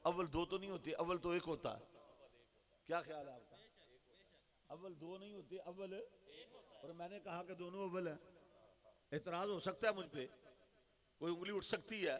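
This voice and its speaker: A man with a Pakistani Urdu accent preaching a sermon, moving from hushed asides to loud, rhythmic refrains. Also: high voice.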